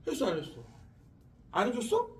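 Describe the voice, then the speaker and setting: A man's voice: very high voice, moderate pace, far from the mic, noisy background. A man teaching a physics class, talking animatedly with crude slang and telling stories between the lessons. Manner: animated, crude slang, acts out quoted voices. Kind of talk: classroom lecture with storytelling.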